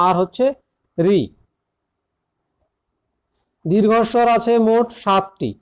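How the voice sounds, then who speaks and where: A man with a notably high voice works through an exam-prep grammar lesson one step at a time. He repeats the key points and keeps turning to his students as he explains. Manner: addresses students directly. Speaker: teacher.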